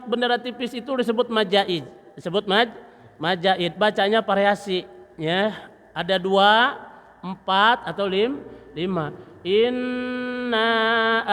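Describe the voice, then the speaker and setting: Guy teaching quran reading, slow and bright, lots of reverb from the mosque. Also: high-pitched. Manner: demonstrates letter sounds, chants verses slowly, chuckles often. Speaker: ustaz teaching Quran recitation. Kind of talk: mosque study session lesson. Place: mosque hall. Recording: long reverb of a mosque hall.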